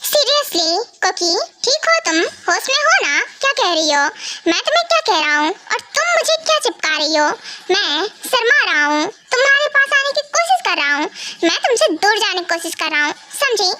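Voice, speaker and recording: A woman's voice: very high-pitched, big pitch swings, moderate pace, heavy background noise. A woman voicing a cocky, sulking young husband in an amateur fan dub, speaking in a huffy, scolding way. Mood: irritated.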